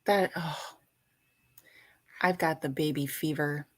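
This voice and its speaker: A woman's voice: low voice, steady tone, takes it slowly. An older woman hosting a casual livestream chat, playful and teasing as she greets viewers by name. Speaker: livestream host.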